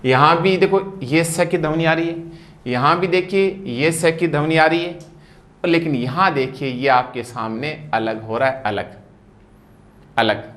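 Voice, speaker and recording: A man's voice: fairly high pitch, a bit bright. A man gives an emphatic lecture on English sounds. He keeps repeating cues to look and stretches out each sound for his students. He talks as he writes on a board. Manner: repetitive, emphatic, drawn-out sounds. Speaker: English teacher. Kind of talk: classroom lecture on phonetics.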